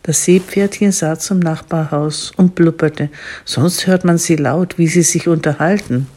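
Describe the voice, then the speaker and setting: A woman reading a children's story aloud, gentle and warm. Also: low-pitched, a little slow.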